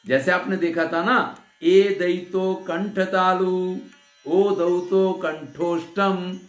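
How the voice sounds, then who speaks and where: Male Sanskrit teacher, slightly high voice, slow patient delivery, roomy echo with faint sitar behind. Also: fairly bright tone. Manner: patient explaining, asks and answers his own questions. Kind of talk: grammar lecture.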